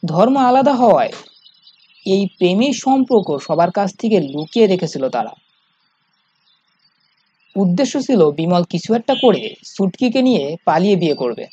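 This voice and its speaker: A man's voice: sits high, husky. A man narrating a scripted first-person horror story in a suspenseful, dramatic manner. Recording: dull lo-fi sound, music behind. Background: loud music.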